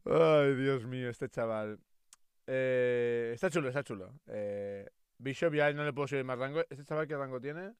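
A young man with an accent from Spain, chatting excitedly on a livestream, swearing freely and tossing playful insults at friends. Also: medium pitch, normal speed, clean tone, no echo. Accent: Spain Spanish. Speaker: streamer. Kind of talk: casual livestream chat reacting to fan art.

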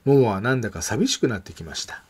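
A man reading a children's picture book aloud in a gentle, expressive way. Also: on the low side, fast, a little hiss or hum. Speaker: storyteller.

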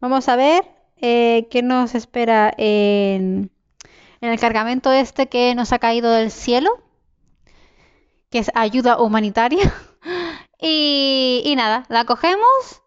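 Young Spanish-accented woman streamer, talkative, prone to yelps and curses, fairly high, smooth tone, slightly dull mic. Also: slow, no room sound. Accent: Spain Spanish. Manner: chatty, talks to herself, sudden shrieks and swearing. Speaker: gameplay streamer. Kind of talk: casual gameplay commentary.

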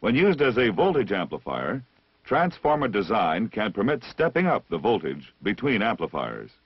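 Narrating a vintage military training film, a man reads technical instructions from a script, measured, didactic and deliberately enunciated. His voice is fairly low and husky, with wildly swooping pitch and no echo, on a dull old film soundtrack.

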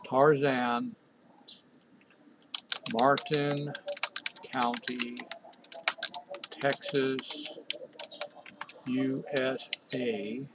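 Casting note: man, mid-pitched, exasperated software walkthrough narration, faint room hiss. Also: fairly even intonation, drawn-out words, pauses often. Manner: exasperated, talks to himself while clicking. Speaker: software developer reviewing a program. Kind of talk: screen-recorded software walkthrough.

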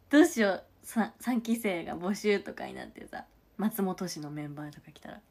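A woman's voice: fairly low pitch, expressive, moderate pace, darkish tone, breathy edge. Chatty young woman hosting a livestream. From Nagano, Japan. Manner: chatty, thanks viewers for comments between stories. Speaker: idol livestream host. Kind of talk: casual livestream chat.

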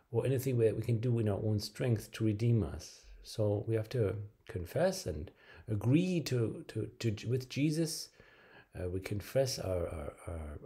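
A middle-aged man preaching to a webcam in a small bright room, his voice low and mellow. He pauses often, filling gaps with ums and restarting phrases as he goes. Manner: hesitant, many filler words and restarts. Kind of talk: video sermon to camera.

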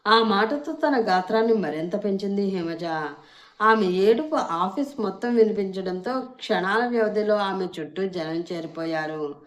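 A woman narrating a serial romance story, reading briskly and with expression. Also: mid-range voice.

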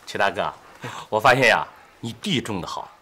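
Polite visiting writer, husky, lively pitch. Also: normal speed, heavily acted. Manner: polite, inquiring. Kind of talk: TV drama acting.

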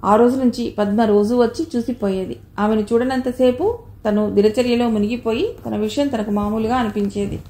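A woman reading a short story aloud in a measured, expressive way. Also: on the high side. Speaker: story reader. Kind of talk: audiobook narration. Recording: roomy echo.

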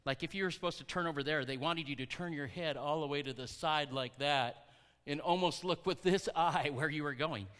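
Man preaching with a bright, echoing voice. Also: fairly high pitch, brisk, smooth. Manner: conversational, asks the congregation questions. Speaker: pastor. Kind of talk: sermon. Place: church hall.

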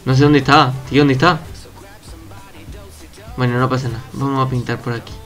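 A young man giving casual, excitable commentary over his own gameplay at home, swearing and shouting at opponents. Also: mid-range voice, a little fast, soft background music. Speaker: gaming youtuber.

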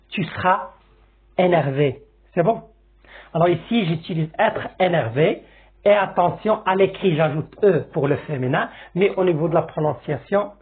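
A man with a Moroccan accent teaching a French lesson, explaining slowly and repeating examples, often checking that his listeners follow. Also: fairly high pitch. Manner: slow, repetitive classroom explaining with checks like "c'est bon?". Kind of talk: language lesson. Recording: tinny phone-like sound.

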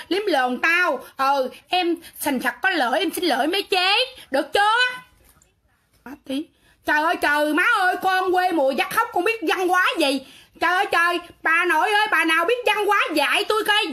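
A woman with a Southern Vietnamese accent ranting into her livestream, her voice very high and piercingly bright. She sounds defiant and sarcastic, and she keeps talking back in a quarrelsome way. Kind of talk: livestream rant.

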